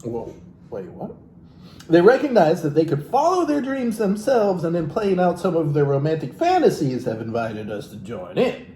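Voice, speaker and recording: This man speaks on the high side with huge pitch swings and a dark tone, at a moderate pace. He reads a book aloud to mock it, adding sweary asides, as reader and host of a comic book reading. The room echoes and there's noise behind.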